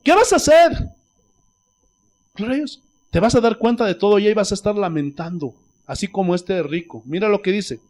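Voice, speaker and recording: A male pastor from Bolivia preaching a sermon with fervor, swinging between loud outbursts and hushed asides, often repeating praise phrases. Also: high-pitched, quick pace. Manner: fervent, rising to shouts and dropping to near-whispers; peppers speech with "gloria a Dios".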